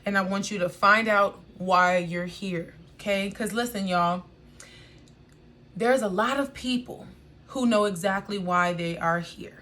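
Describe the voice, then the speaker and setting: An American woman with a medium-pitched voice delivers an informal spiritual message. She is familiar with her listeners, addressing them like family. Her delivery is emphatic and exhorting, with repeated phrases and frequent check-ins. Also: measured pace, sharp tone. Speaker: spiritual reader and online guide.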